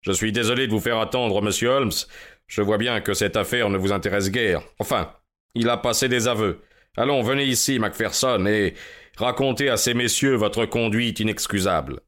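A man's voice: on the low side, normal speed, a bit bright, natural voice. An actor playing a pompous, self-important male police inspector in a radio drama.

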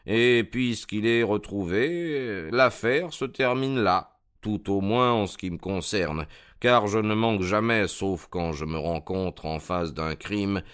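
A man voicing a sharp, decisive male detective in a read-aloud story, speaking in a measured, commanding way over faint music. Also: lowish voice, smooth.

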